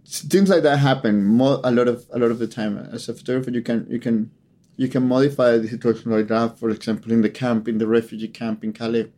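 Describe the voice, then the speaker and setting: A man's voice: medium pitch, fairly even intonation, warm tone. A man, a photographer, giving a grave personal account in an interview, often repeating words as he searches for how to say things. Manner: halting, repeats words while searching for phrasing; earnest, grave storytelling.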